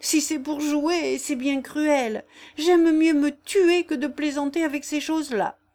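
A woman's voice: fairly high pitch, expressive, moderate pace, darkish tone, natural voice. A woman reading the lines of a frightened but brave young peasant woman who pleads and speaks up boldly in a storybook reading. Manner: pleading, spirited.

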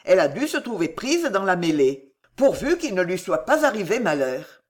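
A woman's voice: on the low side, very animated, moderate pace. A woman reading the part of a passionate, jealous young woman in an audiobook, in an emotional, pleading manner. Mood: earnest.

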